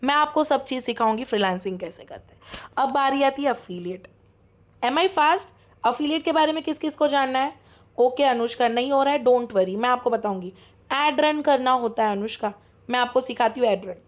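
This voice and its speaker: Fast-talking encouraging woman mentor. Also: sits high, animated. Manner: chatty, encouraging, mixes English into Hindi; talks fast, keeps checking students follow. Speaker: online course mentor. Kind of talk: live online class.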